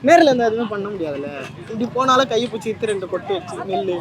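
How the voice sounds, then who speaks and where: A man's voice: high voice, lively intonation, fast, a crowd in the background. A young man answering street interview questions outdoors, earnest and rambling, a little defensive.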